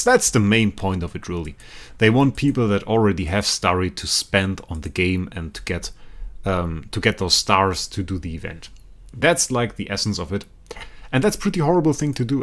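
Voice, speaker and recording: A young German man streams a game and chats casually with his viewers, rambling and repeating himself. His voice is fairly low, and he laughs often and breaks into sudden excited outbursts.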